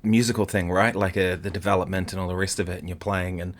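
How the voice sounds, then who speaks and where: A man's voice: low-pitched, fairly even intonation, fast talker, a little hiss or hum. A man co-hosting a casual chat, asking questions in a chatty, enthusiastic way. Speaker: co-host.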